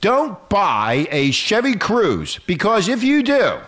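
Brash, animated male shock-radio host. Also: high voice, slow pace. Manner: crude, irreverent, mock-announcer addresses to listeners.

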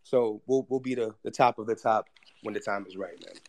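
A man's voice: on the low side, a little fast, vocal fry, darkish tone. A man speaking casually to his community as a project founder, earnest and slangy, often restating his point. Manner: earnest, slangy, repeats himself.

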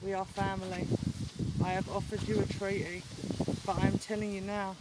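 A woman's voice: medium pitch, level tone, normal speed, heavy background noise, close to an everyday voice. A woman playing a gloating demon queen of the underworld in a menacing villain promo, with cackling laughs.

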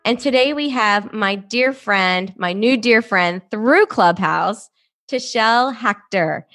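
A woman's voice: medium pitch, takes it slowly, a bit bright, faint music behind. A woman hosting a podcast interview over a video call, chatty and improvising. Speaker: podcast host.

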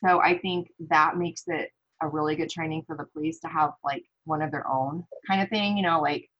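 A woman from the American Midwest talks as a guest in a casual conversation, telling stories and acting out her own thoughts. Her voice is lowish and husky. The audio is dull and lo-fi. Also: a little fast. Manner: animated storytelling with quoted thoughts. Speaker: podcast guest.

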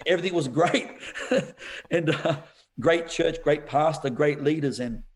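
A man, a pastor telling a personal story in a podcast interview, animated and quick to laugh. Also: a little high. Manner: animated storyteller, laughs often, says "bro".

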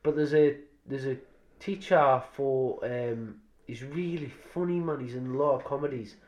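A man's voice: medium pitch, normal speed, darkish tone. A man talks as a podcast host in a loose, conversational style. He swears freely and keeps up a matey banter, sounding like he is chatting with a friend. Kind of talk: casual chat about films.

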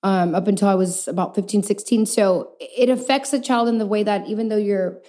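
A woman from El Paso, Texas, chats easily as a podcast guest, her voice warm and mellow. She talks through her story casually, laughs often and leans on small fillers. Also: mid-range voice, steady tone, a little fast. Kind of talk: casual interview chat.

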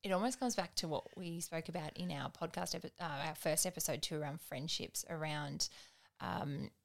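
A young woman co-hosting a relaxed podcast, chatty and quick to laugh. Her voice sits a little low for a woman, and she moves easily between reading out figures and joking. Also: creaky. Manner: chatty, laughs often, reads out survey figures. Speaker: podcast co-host. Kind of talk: casual chat.

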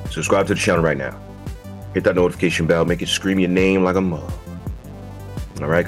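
A man with a croaky, froggy morning voice hosting a casual, slangy video podcast, talking straight to his listeners. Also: sits low. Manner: informal, slangy, addresses listeners directly. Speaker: podcast host. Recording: music behind the voice. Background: music.

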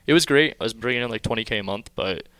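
A man's voice: mid-range voice, lively intonation, fast, fairly bright tone, clean tone, dry recording. A man in his twenties, a podcast guest, talking about his business in an upbeat, emphatic way. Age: 20s. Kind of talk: casual podcast chat.

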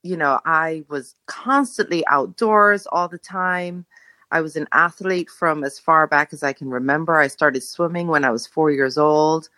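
A middle-aged woman from Jamaica, a podcast guest telling her story in a reflective way, pausing to search for words. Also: low-pitched, sharp tone, no echo. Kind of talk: casual conversation.

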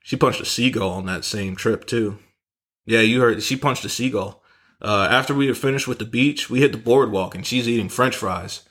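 A man hosting his own podcast, spinning a comic story at a brisk, animated clip. His voice sits at a middle pitch. He swears freely and keeps stopping to correct himself mid-sentence. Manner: animated, profane, self-correcting. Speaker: podcast host. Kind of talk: comedic storytelling monologue.

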